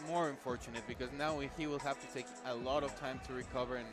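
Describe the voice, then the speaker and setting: A man's voice: medium pitch, steady tone, quick pace, over music. A man working as a fight commentator, giving analysis of mixed martial arts.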